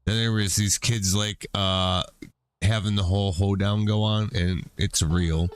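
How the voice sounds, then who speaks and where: A man's voice: on the low side, fairly even intonation, measured pace, soft background music. A middle-aged man chatting casually while streaming a game, rambling and swearing offhand. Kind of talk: casual chat while gaming.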